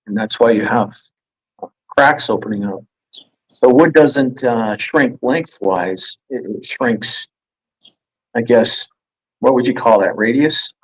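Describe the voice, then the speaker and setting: A man explains his craft in a husky, somewhat breathy voice. He talks casually and haltingly, circling back with fillers and restarts. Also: medium pitch, poor audio. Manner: hesitant, many restarts and fillers. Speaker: guest chainsaw carver. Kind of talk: casual explanation on a live stream.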